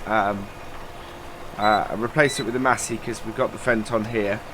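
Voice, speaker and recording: A man's voice: lowish voice, steady tone, moderate pace, background noise. A man with a nasal, stuffed-up voice from a cold, rambling through casual let's-play commentary with lots of fillers. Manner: chatty, rambling, many uh fillers. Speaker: gaming channel host.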